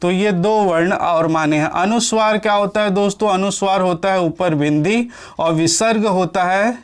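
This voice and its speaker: A man gives an exam-prep lesson in a high voice. He works through the material step by step, keeps asking questions and answering them himself, and sounds letters out slowly to show how they are said. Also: clear, resonant tone. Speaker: exam coaching teacher. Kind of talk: classroom lecture.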